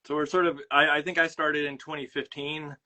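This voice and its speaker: A man's voice: on the high side, little pitch movement, fairly quick, pushed and bright. A man with a Minnesota accent hosting a casual livestream chat from home, rambling with lots of fillers and restarts. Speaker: host. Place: home studio room. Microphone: phone on a mount.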